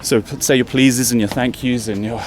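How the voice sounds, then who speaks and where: A travel vlogger from England keeps up a steady, medium-pitched commentary at normal speed while walking up a hill in the city. He's conversational and a bit breathless, musing as he goes, and soft outdoor street noise fills the background.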